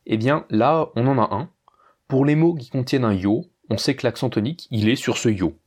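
A man with a slightly husky voice explains a pronunciation rule to a learner. He talks patiently and directly, like a teacher walking a student through a lesson, and gives one example after another. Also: mid-range voice, normal speed, a little mellow. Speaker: language teacher.

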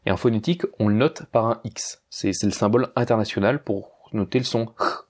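A man giving a casual pronunciation lesson, speaking slowly and repeating words carefully, addressing the listener informally. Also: fairly low pitch. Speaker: language teacher.

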